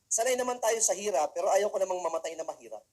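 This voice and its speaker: A man's voice: high-pitched, expressive, fast, darkish tone. A man from the Philippines giving a humorous talk to students, telling comic stories and speaking straight to the audience. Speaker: motivational speaker.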